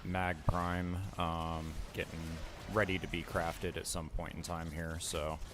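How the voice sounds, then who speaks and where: Brief: laid-back male game streamer, deep voice, casual commentary, noisy mic. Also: level tone, a little slow.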